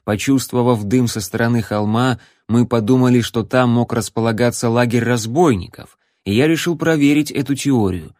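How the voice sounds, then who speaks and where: A man's voice: medium pitch, moderate pace, hardly any pauses, a little mellow, no room sound, clean studio sound, natural voice. A man voicing a composed, patient male ranger who speaks reasonably. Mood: calm. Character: calm, patient male ranger, quietly amused.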